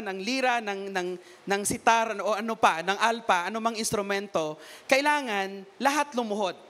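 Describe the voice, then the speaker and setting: A man with a strikingly high voice gives a relaxed, chatty sermon that moves between Tagalog and English. He keeps pulling listeners in with quick tag questions, like a preacher talking with the congregation rather than at it. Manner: conversational, peppers talk with tag questions. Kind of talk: Taglish sermon.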